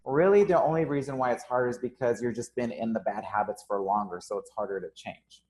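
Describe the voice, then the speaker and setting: A young man who runs a gym hosts a live interview in a laid-back, upbeat way, with plenty of ums and uhs. His mid-range voice is fast with a darkish tone.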